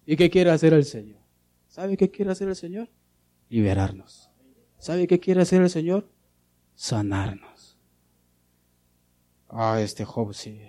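A man preaching a sermon as a pastor, shifting between loud and soft, asking rhetorical questions and addressing listeners as brother. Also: fairly high pitch, very animated, slow pace, pauses often.

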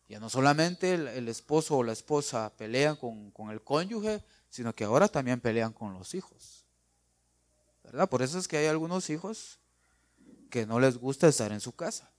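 A man preaching a sermon, emphatic, repeating phrases and asking the congregation "right?". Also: medium pitch. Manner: acts out quoted voices with sharp swings in loudness.

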